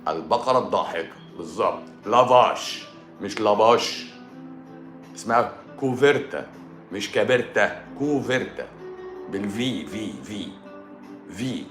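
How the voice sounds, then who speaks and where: A man's voice: lowish voice, expressive, normal speed, long pauses, fairly bright tone. A man with an Egyptian Arabic accent hosting a live stream, answering viewer questions in a joking, sarcastic manner. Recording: roomy echo with music behind.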